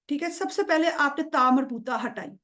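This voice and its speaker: High-voiced woman teaching grammar patiently. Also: expressive, a bit bright. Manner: patient, checks understanding with frequent "okay?"; drawls example words slowly to show pronunciation. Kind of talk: online lesson explaining grammar.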